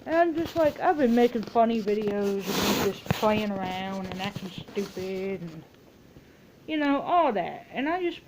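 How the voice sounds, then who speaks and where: A woman's voice: medium pitch, expressive, measured pace, heavy background noise. A woman in a casual, rambling phone chat, telling stories and quoting herself and other people as she goes. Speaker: vlogger making a phone call.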